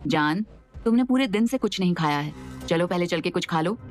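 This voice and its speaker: A woman voicing a patient young husband who speaks softly and gently. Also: lowish voice, lively intonation, fairly quick, soft background music, lightly acted. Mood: tender. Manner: soft, gentle and pleading.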